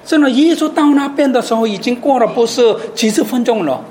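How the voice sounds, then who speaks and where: A woman's voice: a little high, animated, quick pace, darkish tone, slight background noise. A woman preacher giving a sermon who keeps asking rhetorical questions and drops English words into her talk.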